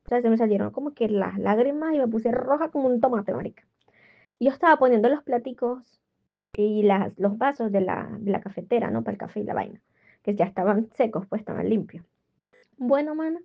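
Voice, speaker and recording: A woman's voice: fairly high pitch, fairly quick, vocal fry. A young woman, chattily telling a rambling story in a casual voice message. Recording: tinny phone-like audio.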